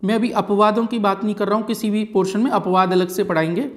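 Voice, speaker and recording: A man teaching grammar in an exam-prep lecture, slowly repeating key words and often checking in with "है ना" and "ठीक है जी". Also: high voice, fairly even intonation.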